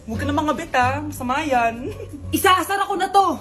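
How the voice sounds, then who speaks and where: High-voiced woman doing playful skit bits. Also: animated, brisk, a bit bright. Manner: playful, teasing, mock-angry. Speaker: comedy skit creator. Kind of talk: comedic skit acting. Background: background music.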